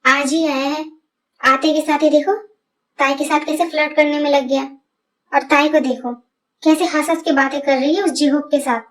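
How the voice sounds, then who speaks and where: A woman's voice: sits high, fairly even intonation, moderate pace. Woman voicing a jealous hot-tempered college guy. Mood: jealous, angry. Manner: angry, threatening. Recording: distant voice over loud music.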